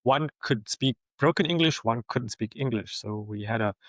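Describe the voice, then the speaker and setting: A man from South Africa with a South African accent, a guest in a casual interview, telling lively anecdotes and laughing often. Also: mid-range voice, normal speed, dry recording.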